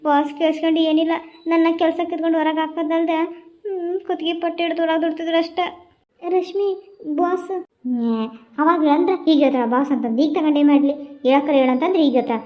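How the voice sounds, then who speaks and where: A woman voicing Radha, a chatty young office worker who talks too much, with a North Karnataka accent and rapid gossipy chatter. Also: very high-pitched, fairly even intonation, lo-fi sound. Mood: grumbling. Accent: North Karnataka Kannada.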